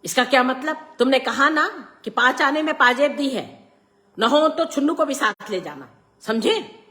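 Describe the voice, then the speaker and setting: A woman voicing a stern, irritable middle-aged father who scolds loudly, inside a story she reads aloud. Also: medium pitch, big pitch swings, takes it slowly. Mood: scolding. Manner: scolding, loud.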